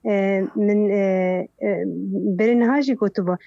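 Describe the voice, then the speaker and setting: A woman guest on an interview, pausing often and filling gaps as she talks. Her voice is mellow and dark, recorded dry and a little muffled, with no room sound. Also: mid-range voice, fairly even intonation, no echo. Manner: hesitant, many fillers. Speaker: festival organizer, guest. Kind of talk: interview answers.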